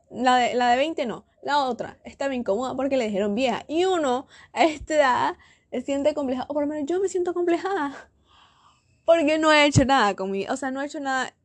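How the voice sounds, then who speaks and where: A woman's voice: high-pitched, dry recording. A young woman, rambling sarcastically in a casual solo podcast. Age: young adult. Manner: sarcastic, rambling, quick asides. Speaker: podcast host.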